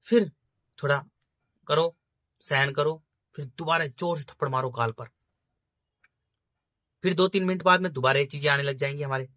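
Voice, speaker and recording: Bright-voiced man preaching insistently. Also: fairly high pitch, normal speed, pauses often, no echo, studio quality. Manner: insistent, repetitive exhortation; addresses listeners as brothers. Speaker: spiritual speaker. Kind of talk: informal spiritual preaching.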